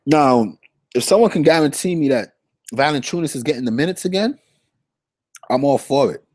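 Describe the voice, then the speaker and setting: A man's voice: a little high, lively intonation, moderate pace, a little mellow, no echo. A man giving a casual fantasy sports breakdown, thinking aloud and repeating his picks. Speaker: daily fantasy sports analyst.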